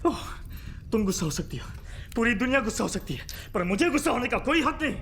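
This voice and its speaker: A bitter paralysed ex-magician. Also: male voice, very high voice, very animated, fast talker, creaky, a bit bright, a little hiss or hum, full character voice. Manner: angry, pleading, sarcastic outbursts. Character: bedridden paralysed male ex-magician, bitter and sarcastic. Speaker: radio jockey.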